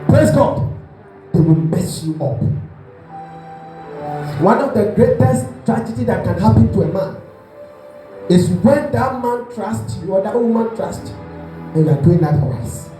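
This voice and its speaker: A pastor preaching a sermon, telling a story and acting out the voices, often asking the congregation whether they are listening. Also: male voice, high-pitched, a little slow, long pauses. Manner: animated storytelling, acts out voices, asks the congregation questions. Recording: echoey hall with music behind.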